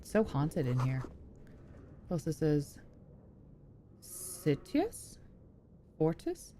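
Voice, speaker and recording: A woman's voice: sits low, huge pitch swings, extremely slow, mellow, slight background noise. A young woman streaming a video game and chatting about it in a playful, self-mocking way, laughing and swearing. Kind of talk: casual gameplay commentary.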